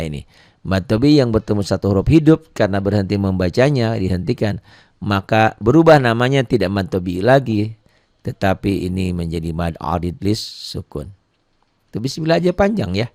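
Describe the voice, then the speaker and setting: Brief: male tutor, low voice, dry close sound, patient repetitive beginner recitation lesson. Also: no room sound. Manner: patient, repeats points and asks then answers his own questions; chants Quranic phrases slowly and loudly between plain explanations. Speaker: Quran reading teacher.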